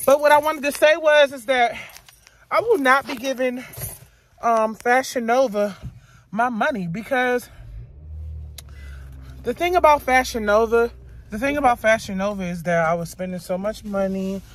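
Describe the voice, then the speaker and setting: A young woman with a voice on the high side speaks at normal speed in her car vlog, pausing often. She's animated and blunt, rambling loosely with lots of profanity.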